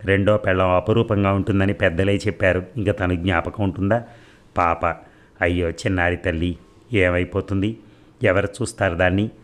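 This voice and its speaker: A man narrating a novel as an audiobook in a steady, measured storytelling manner. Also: low voice. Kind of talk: novel reading.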